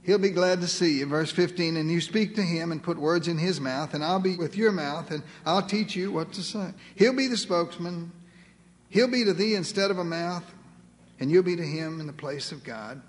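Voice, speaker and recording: A high-pitched male preacher delivering a sermon with dramatic, humorous flair, acting out the voices in the story. His voice rings with the long reverb of a large church hall. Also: moderate pace. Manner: dramatic, acts out voices of God and Moses with humor.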